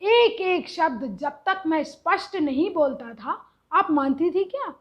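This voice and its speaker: A woman voicing a patient grown son who calmly coaxes and gently teases his mother, on a slightly dull recording. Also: very high-pitched, slow, exaggerated voice. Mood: coaxing.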